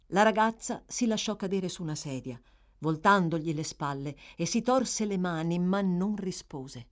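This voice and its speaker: Brief: woman narrator for a classic novel, low-set voice with wide, animated intonation. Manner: expressive, measured storytelling. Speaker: audiobook narrator. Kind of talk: scripted literary narration.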